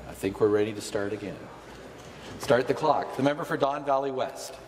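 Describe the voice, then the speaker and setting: A man's voice: mid-range voice, moderate pace. A man presiding formally over a legislature, calling out order in firm, clipped commands. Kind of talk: formal parliamentary chairing. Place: large wood-panelled legislative chamber. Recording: echoey legislative chamber, loud crowd noise. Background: loud members' crowd noise.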